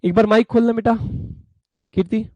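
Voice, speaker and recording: A man's voice: high voice, steady tone, a little fast, a little mellow, no room sound, muffled recording. A man teaching a live online class, explaining law through little acted-out stories and talking to his students in a chatty, fatherly way. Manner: acts out buyer and seller in a story, chatty and fatherly with students.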